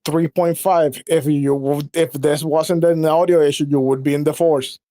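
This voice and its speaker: A woman judging a voice acting contest, measured and giving practical advice. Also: sits low, fairly even intonation, dark tone, no echo, studio quality. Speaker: judge. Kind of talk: casual livestream chat.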